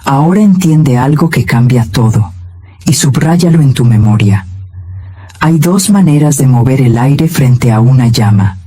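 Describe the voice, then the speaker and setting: A man giving scripted motivational narration in a calm, measured, solemn way. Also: medium pitch, a little hiss or hum.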